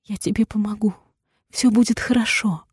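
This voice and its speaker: A woman voicing a kind nurse who speaks softly and soothingly to a distraught patient. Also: medium pitch, fairly even intonation, normal speed, slightly rough, dry recording, studio quality, voice pushed up. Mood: soothing, sorrowful. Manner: soft, soothing, hushed. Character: caring nurse sister, gentle and sorrowful.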